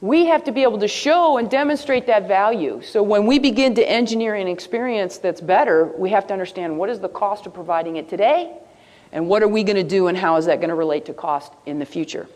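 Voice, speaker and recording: A woman giving a live presentation, lively and asking her audience questions as she goes. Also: mid-range voice, fast talker. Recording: long hall reverb.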